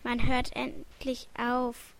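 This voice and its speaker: A woman voicing a stout, brisk innkeeper wife in a slow read-aloud storybook telling. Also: on the high side, monotone.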